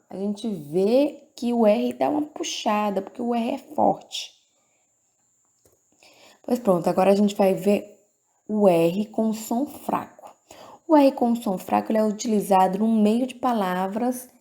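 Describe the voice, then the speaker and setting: A woman with a Brazilian Portuguese accent teaching a grammar lesson to children, speaking slowly and repeating each example word. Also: mid-range voice, mellow. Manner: slow, deliberate, repeats words for the class.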